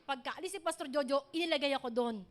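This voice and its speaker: A middle-aged woman pastor, preaching an animated sermon built on personal stories. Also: high-pitched, quick pace.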